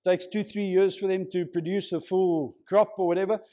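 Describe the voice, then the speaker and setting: A man's voice: high voice, fairly even intonation, moderate pace, dark tone. A man preaching a conversational sermon to a congregation, prodding them with questions. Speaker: pastor. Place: church, before a congregation.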